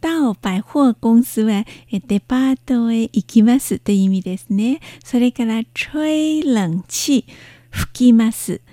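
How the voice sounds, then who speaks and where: A woman's voice: on the high side, a little slow, hardly any pauses, dark tone, no room sound. A woman teaching a language lesson, explaining words patiently and spelling out their pronunciations step by step.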